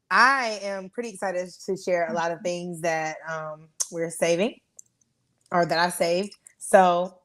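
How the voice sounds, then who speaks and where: A woman co-hosting a podcast, introducing a segment in casual chat, giggly and relaxed. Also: fairly low pitch. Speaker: podcast co-host.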